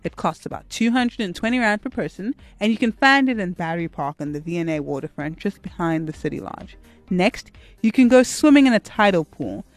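A woman's voice: fairly low pitch, animated, a little fast, no room sound, soft background music. South African woman hosting, dry studio sound. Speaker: radio host. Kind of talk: chatty radio presenting.

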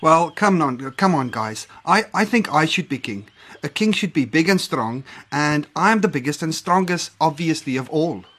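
A woman's voice: low-pitched, expressive, normal speed, fairly bright tone, pitched below the performer's own voice. A woman voicing a big, boastful male bustard in a storybook reading, speaking in a blustering, offhand manner.

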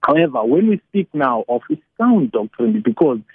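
A South African man with a Xhosa accent speaks over a narrow, tinny line with a rough, husky voice. As a guest preacher he explains teaching informally, repeating phrases haltingly and switching between two languages. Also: mid-range voice, sing-song, no room sound.

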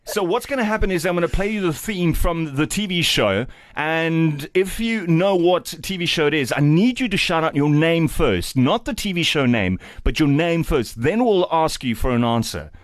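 A man's voice: a little high, lively intonation, normal speed, few pauses, no echo, clean studio sound. A South African man hosting a casual live radio game show in a jokey, chatty way. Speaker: radio breakfast show host.

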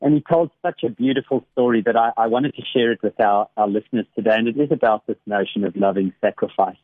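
A man's voice: on the low side, quick pace, no room sound. A man, an academic, speaking as a regular guest on a radio devotional slot. He tells a story with many small restarts and laughs easily. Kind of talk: warm conversational devotional reflection. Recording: dry, phone-like radio line.

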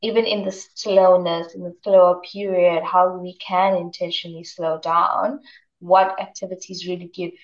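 A woman self-care coach, a guest on a radio chat, talking in a gentle, reflective way and often saying "you know". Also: lowish voice, flat delivery, moderate pace. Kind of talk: casual radio interview chat. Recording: roomy, distant, dull remote line.

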